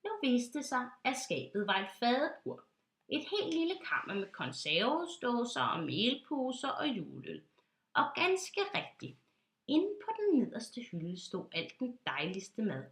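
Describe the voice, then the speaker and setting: A woman reading a children's story aloud in a soft, calm storytelling manner. Her voice is bright and lively, and a roomy echo hangs around it. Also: a little high.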